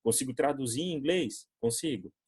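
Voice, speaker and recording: A man from Brazil teaches an online English class in a chatty, animated way. His voice sits in a middle register, and he slips into little acted-out voices when quoting people. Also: medium pitch, normal speed, breathy edge. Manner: conversational, animated, acts out quoted voices. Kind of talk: online class answering student questions.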